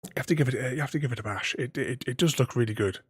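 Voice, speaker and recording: A man chatting on a gaming livestream in a husky, mid-pitched voice, recorded close and dry. He stutters and repeats words constantly, laughing often as he thanks his viewers. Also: very fast, no echo. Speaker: gaming streamer. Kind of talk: casual livestream chat.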